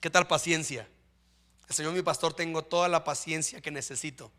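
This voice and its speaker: A man's voice: on the high side, steady tone, fairly quick, pushed and bright. A man preaching a sermon in church, often checking in with his listeners. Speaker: pastor.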